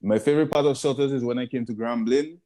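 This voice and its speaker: A young guest comedian with a Caribbean English accent chats casually, rambling as he searches for words. His voice is medium-pitched and dark-toned, and he talks fast.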